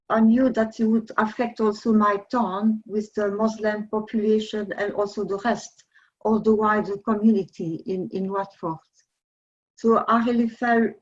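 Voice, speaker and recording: A woman's voice: medium pitch, husky, lo-fi sound. A woman from Belgium, giving a polite, earnest conference presentation over a video call. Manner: polite and earnest, slightly non-native phrasing. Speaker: conference speaker. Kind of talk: presentation talk.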